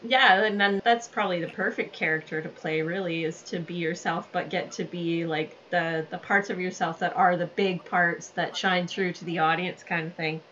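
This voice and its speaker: A woman's voice: on the low side, steady tone, normal speed, few pauses, a bit bright. Woman, interviewer, friendly, laughs often, faint background noise, muffled recording. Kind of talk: casual interview. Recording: dull lo-fi sound with faint ambient noise.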